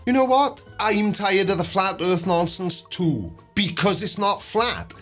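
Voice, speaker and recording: A man's voice: sits high, sing-song, measured pace, a bit bright, faint music behind. A man giving a scripted debunking commentary in a sarcastic, mocking way, with dry asides. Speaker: host of a debunking video.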